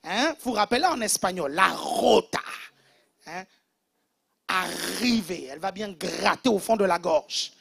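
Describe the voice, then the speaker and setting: A man's voice: high voice, lively intonation, brisk, creaky, hardly any pauses, crowd noise. A man preaching a humorous sermon as pastor, teasing the congregation playfully and mimicking accents.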